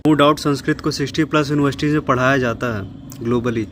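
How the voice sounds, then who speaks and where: A man's voice: medium pitch, steady tone, brisk, a bit bright, slight background noise. A man hosting an explainer video, debunking a claim in a critical, lecturing tone with a sarcastic edge. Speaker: fact-check host. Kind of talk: explainer commentary.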